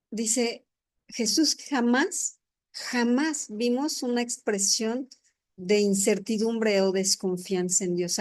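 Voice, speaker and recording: A woman's voice: fairly high pitch, a little mellow. A woman church leader giving an earnest, sermon-style testimony talk into a microphone at an indoor gathering, often tagging her sentences with questions.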